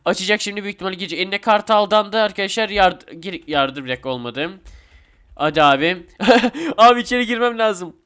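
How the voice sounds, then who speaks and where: Young guy yelling and chatting over a roblox game, high voice, kinda sick. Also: a little fast, smooth. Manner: excitable, chatty, addresses viewers as friends. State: a bit sick. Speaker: gaming YouTuber. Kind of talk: Roblox gameplay commentary.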